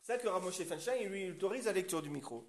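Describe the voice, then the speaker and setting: High-voiced man teaching a class. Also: expressive, fast talker. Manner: explains step by step, often checks in with the class. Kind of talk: Torah class lecture.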